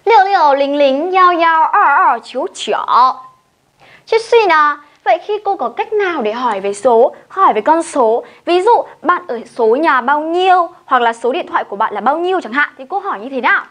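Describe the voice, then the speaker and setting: A woman's voice: sits high, sing-song, a little fast, few pauses, a bit bright. A woman teacher with a Vietnamese accent giving a video lesson, explaining step by step and leading learners through repeated drills. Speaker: Chinese language teacher. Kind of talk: classroom-style video lesson.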